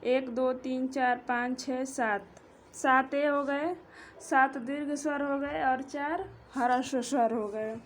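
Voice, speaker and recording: Woman, teacher, high voice, slow and deliberate, explanatory, faint background hiss. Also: steady tone. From India. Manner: slow, drawn-out, explanatory, counting letters aloud. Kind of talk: Hindi grammar lesson.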